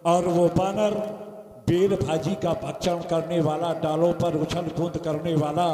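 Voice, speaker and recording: A man's voice: fairly high pitch, flat delivery, warm tone, reverberant, in a large hall, lightly acted. Ravana, a man playing a stately demon king. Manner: slow, stately Sanskritized speech. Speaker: stage actor in village Ramlila. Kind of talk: formal stage dialogue.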